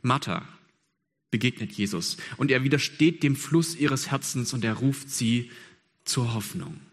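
A man delivers a sermon with earnest emphasis, stacking repeated phrases and posing questions to his listeners. His voice has a husky, slightly breathy edge. Long reverb trails behind each phrase, as in a large church hall. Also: mid-range voice, animated, a little slow. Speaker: preacher.

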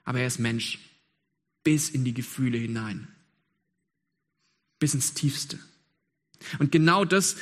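A man preaching a sermon in an earnest, emphatic way, with repeated phrases and rhetorical questions. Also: medium pitch. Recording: long hall reverb.

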